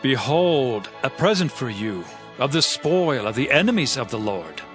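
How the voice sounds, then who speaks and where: A man's voice: mid-range voice, very animated, moderate pace, fairly bright tone, faint music behind. A man voicing a righteous, commanding warrior leader with a formal, declamatory delivery in a scripture drama. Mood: proclaiming.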